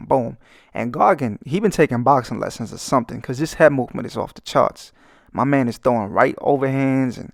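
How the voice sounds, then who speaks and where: Over a speedpaint, a young Brooklyn-accented channel host and artist cracks crude, cocky jokes in a rambling comedic monologue. He speaks at medium pitch with a gravelly texture, and the studio sound is clean with no room echo.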